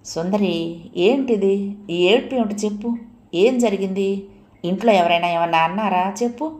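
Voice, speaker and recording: A man's voice: sits high, unhurried. A woman reading a novel aloud and voicing a bewildered young man who anxiously coaxes his weeping lover. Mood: anxious coaxing. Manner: anxious, coaxing questions. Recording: roomy echo.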